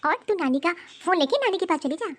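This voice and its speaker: A woman voicing a caring young mother who talks in a coaxing, reassuring way, for an animated story. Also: extremely high pitch, quick pace. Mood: soothing, worried. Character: caring young mother, soothing her daughter.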